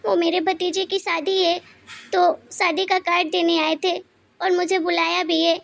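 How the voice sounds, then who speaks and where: A woman acts out a timid older mother-in-law in a cartoon story. She pleads meekly in a very high, flat voice with a gravelly edge. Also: normal speed, heavily acted. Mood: pleading. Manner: meek, pleading, tearful. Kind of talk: cartoon voice acting.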